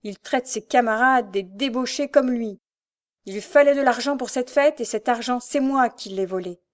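A woman's voice: fairly high pitch, normal speed, darkish tone, lightly acted. A woman voicing a desperate, tormented young woman thief with pleading, impassioned outbursts. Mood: anguished.

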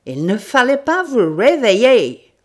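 A woman reading an audiobook, voicing an imperious, irritable English detective man who scolds with sharp questions. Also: a little high, very animated, takes it slowly, voice pushed up, heavily acted. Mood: furious. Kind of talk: audiobook character voice.

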